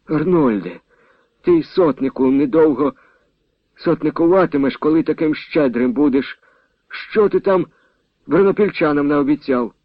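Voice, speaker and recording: A man's voice: on the high side, lively intonation, unhurried, dry recording, lo-fi sound, pitched above the performer's own voice. A man doing a feverish, proud old colonel. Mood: irritable. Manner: feverish, commanding.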